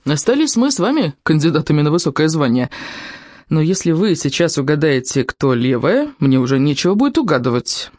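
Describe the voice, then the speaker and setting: A jovial middle-aged lawyer from an audiobook, as the reader voices him, speaking in a genial and measured way. The voice sits at a middling pitch and sounds dry and close. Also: sing-song, a little mellow, dry recording, close to an everyday voice. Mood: playful. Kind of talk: audiobook reading.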